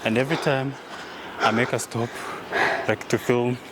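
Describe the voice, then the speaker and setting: A man's voice: mid-range voice, fairly even intonation, moderate pace, heavy background noise. A man vlogging outdoors while hiking in hilly countryside, out of breath, chatty and slangy, filming on a handheld phone. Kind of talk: casual vlog narration while hiking.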